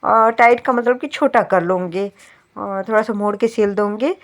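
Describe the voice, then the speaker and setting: A woman's voice: medium pitch, normal speed. A woman in her thirties with a sore throat, chatting casually to viewers as she narrates a home vlog. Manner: chatty, addresses viewers as friends. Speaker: vlogger.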